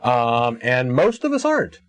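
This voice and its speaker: A man's voice: medium pitch, wildly swooping pitch, a little slow. A man hosting a call-in show, debating a caller off the cuff with pointed questions. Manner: argumentative, questioning.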